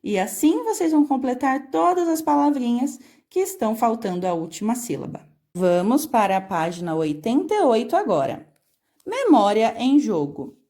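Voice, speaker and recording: A woman's voice: high-pitched, a little mellow. A woman teacher from Brazil with a Brazilian Portuguese accent, giving a remote phonics lesson to young children and stretching out words so the sounds come through. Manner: slow, careful, stretching out words to show sounds. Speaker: primary school teacher.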